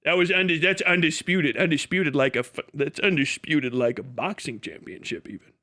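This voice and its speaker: A man with a slightly high voice and a sharp tone hosts a livestream at a moderate pace, reading aloud and riffing in a casual, incredulous, foul-mouthed way. He acts out mocking imagined dialogue as a livestream host and commentator.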